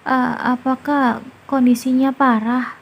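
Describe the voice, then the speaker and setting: A woman's voice: high-pitched, little pitch movement, slow, gravelly, heavily acted. A woman voicing a tearful young wife who stammers and pleads through sobs, in a storybook narration. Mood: pleading tearfully. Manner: stammering, sobbing pleas.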